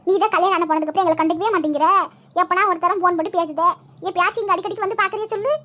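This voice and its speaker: A woman's voice: very high-pitched, steady tone, a bit bright. A woman voicing a cheeky, teasing young village woman in a cartoon comedy, with a Kanyakumari Tamil accent. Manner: teasing, quick banter.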